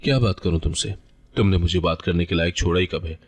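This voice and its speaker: Cold angry husband, read by a man, contemptuous, low and husky. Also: fast, darkish tone. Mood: bitter. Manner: bitter, contemptuous.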